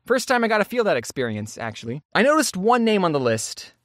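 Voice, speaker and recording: A man telling a comic story for his animated channel, jokey and excitable, swinging his voice high and low. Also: brisk, no room sound, studio quality. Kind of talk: comedic storytime narration.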